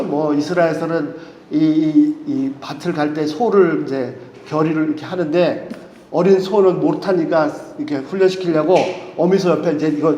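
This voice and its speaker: A male pastor preaching a sermon, animated and full of questions to the congregation, sometimes dropping to a soft near-whisper. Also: on the high side. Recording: echoey hall reverb.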